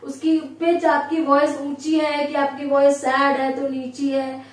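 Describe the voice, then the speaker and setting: A woman lecturer with a high voice explains each point patiently, often pausing to check the class is following. She sounds set back from the microphone, and the bare room gives her words a strong echo. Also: completely flat delivery. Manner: explanatory, mixes English terms, frequent "ठीक है" check-ins. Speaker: psychology lecturer. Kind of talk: recorded classroom lesson. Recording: very echoey room, voice from a distance.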